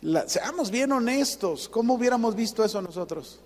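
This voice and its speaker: High-voiced man preaching in a reverberant hall. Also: expressive, normal speed. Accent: Mexican Spanish. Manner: dramatic, swings from loud to hushed, acts out quotes. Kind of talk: sermon.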